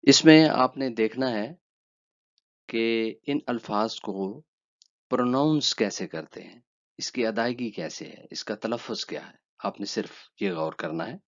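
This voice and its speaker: A man with an Urdu accent teaching a language lesson, calmly saying each letter twice. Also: medium pitch, unhurried. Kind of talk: slow spoken lesson. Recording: dull lo-fi sound.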